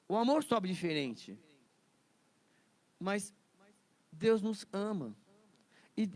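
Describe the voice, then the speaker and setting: A man's voice: sits high, a little mellow. A man teaching a Bible study lesson in a chatty way, laughing often and repeating words.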